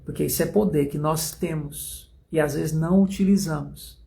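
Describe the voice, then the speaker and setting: Guy preaching a bible study, slow and emphatic, lots of gravel in the voice. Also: on the high side, dark tone. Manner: dramatic storytelling, slow emphatic phrasing. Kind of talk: sermon-like Bible teaching.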